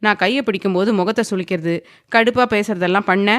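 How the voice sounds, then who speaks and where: A woman's voice: medium pitch, quick pace, no room sound, clean studio sound, lightly acted. A woman voicing a domineering, possessive young man who speaks firmly and commandingly, sometimes teasing.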